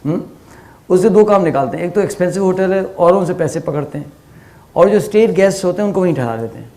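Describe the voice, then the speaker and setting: Mellow-voiced man teaching a conversational lecture. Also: high voice. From Pakistan. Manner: animated storytelling with rhetorical questions and English phrases.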